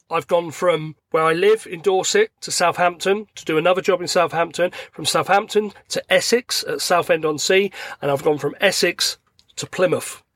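A middle-aged man, croaky and tired from illness, rambling chattily as he hosts a podcast from his parked car. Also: a little high, a bit bright, no echo. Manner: rambling, chatty, acts out everyday dialogue. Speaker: podcast host. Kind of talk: casual solo podcast monologue. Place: parked car at a motorway services.

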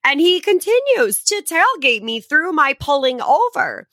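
Sarcastic woman with lively, bright pitch. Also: measured pace, no room sound, clean studio sound. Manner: sarcastic, profane, animated storytelling. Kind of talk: casual storytelling chat.

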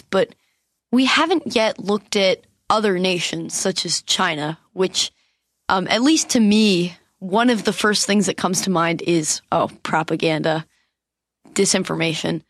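A woman's voice: medium pitch, no room sound, clean studio sound. A woman hosting a podcast, introducing her guest and asking questions in a friendly way. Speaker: podcast host. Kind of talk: podcast interview.

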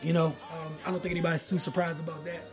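A man co-hosting a casual sports podcast, emphatic and slangy, building up to loud points. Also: a little high, little pitch movement, racing, music in the background. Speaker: podcast co-host.

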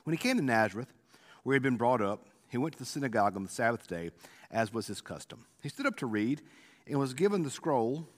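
A man's voice: mid-range voice, big pitch swings, quick pace. A male pastor recording a conversational devotional in a church sanctuary, his informal, explanatory talk full of restarts and carried by the room's long cathedral-like reverb.

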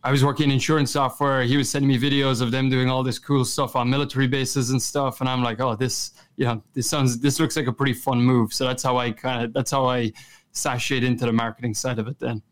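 Speaking quickly with a flat delivery and a mid-range voice, a Kerry-accented man from the west of Ireland answers a podcast interview in a relaxed, conversational way. He's a chief marketing officer appearing as a guest.

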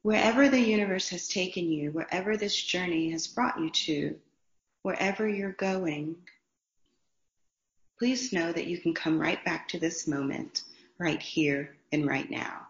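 Slow, soothing woman guiding meditation. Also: lowish voice. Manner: slow, soothing and unhurried, with long pauses. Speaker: meditation guide. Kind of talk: guided meditation. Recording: roomy, dull lo-fi sound.

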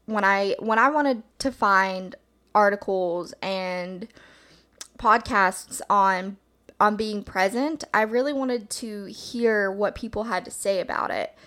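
A woman hosts a solo podcast, talking in a casual, reflective, rambling way. Her mid-range voice is a bit bright yet slightly hoarse, as if she just woke up, and she speaks slowly.

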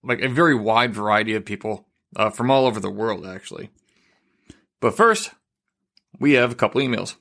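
A man's voice: fairly low pitch, fast talker, creaky, hardly any pauses, a bit bright. Man with a disguised, altered voice. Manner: chatty and easygoing. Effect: voice altered to disguise identity. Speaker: podcast host. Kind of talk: casual podcast chat.

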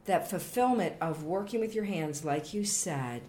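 A woman's voice: on the low side, expressive, measured pace, slight background noise. A woman hosting an interview, talking casually and affirming her guest with frequent agreement. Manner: warm, affirming, lots of backchannel. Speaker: podcast host.

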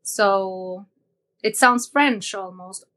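A young adult Norwegian woman with a Norwegian accent and a medium-pitched, sharp-toned voice is a guest in a casual podcast interview. She often pauses on ums and uhs while searching for words.

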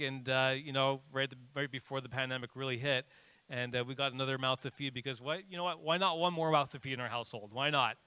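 Male pastor, lively and chatty, slightly high voice with a bright edge. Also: clear, resonant tone, no room sound. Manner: animated, rises sharply for emphasis; conversational with frequent fillers. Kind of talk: sermon.

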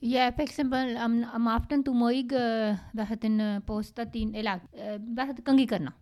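A woman's voice: fairly high pitch, steady tone, a little mellow. Chatty mother. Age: middle-aged. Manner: halting, searching for words, switching languages. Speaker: podcast co-host, mother. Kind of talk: casual family chat.

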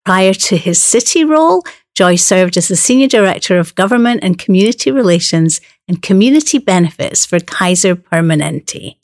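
A woman's voice: medium pitch, expressive, normal speed, few pauses, no room sound. Woman host doing an interview, chatty, dry close sound. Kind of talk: broadcast interview.

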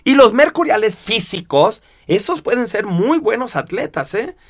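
A man's voice: high voice, big pitch swings, moderate pace. Casual Mexican man explaining. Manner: conversational, asks rhetorical tag questions. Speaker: lecturer on personality types.

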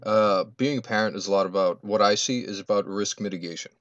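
20-something guy, low voice, thinking things through, dry slightly dull recording. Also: steady tone, fairly bright tone, no room sound. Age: 20s. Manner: measured, analytical, says "right?" and "you know". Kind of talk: casual chat.

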